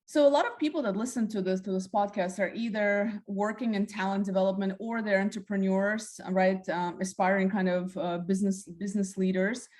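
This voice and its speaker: A woman's voice: medium pitch, fairly even intonation, a little fast, few pauses, darkish tone. A woman hosting a podcast interview, talking in a friendly way with lots of fillers. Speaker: podcast host.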